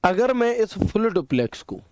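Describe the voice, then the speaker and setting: A man's voice: sits high, big pitch swings, normal speed, darkish tone, clean tone, no echo. A male computer teacher with a way of speaking, lecturing in a chatty style and often checking whether the students understood. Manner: chatty, keeps asking "ठीक है", homely examples. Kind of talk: classroom lecture.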